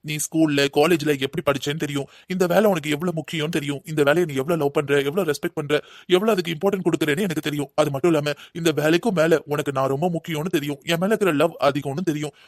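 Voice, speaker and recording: A man's voice: fairly high pitch, dry recording, clean studio sound, lightly acted. A man voicing a patient cartoon husband. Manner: soothing, explaining. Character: calm patient young husband. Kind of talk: cartoon voice acting.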